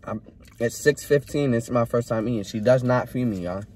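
A man's voice: mid-range voice, normal speed, darkish tone, far from the mic. A man chatting casually on a vlog, teasing and laid-back, in a car. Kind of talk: casual chat. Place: in a car, then a store.

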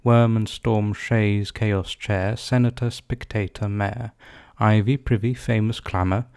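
A man giving a measured poetry recitation, reading deliberately word by word. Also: fairly low pitch, steady tone, darkish tone, clear, resonant tone, no room sound, studio quality. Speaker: poetry reader.

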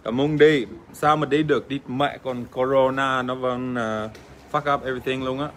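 An Australian man, native English speaker, joking crudely with fans in casual livestream chat, halting with fillers and swearing playfully. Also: medium pitch, steady tone, slight background noise. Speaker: livestream host. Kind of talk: casual livestream chat reading fan comments.

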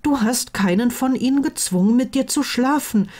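A woman's voice: high voice, moderate pace, voice pushed up. A woman voicing an earnest, insistent blond teenage wizard boy in an audiobook reading of fan fiction. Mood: urging. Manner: insistent, pleading, raised lively delivery.

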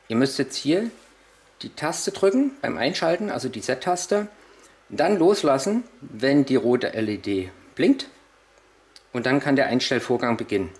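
An RC model reviewer with a mid-range voice gives a hands-on tutorial on a model truck, explaining each step while handling the parts and hesitating often. The audio is poor.

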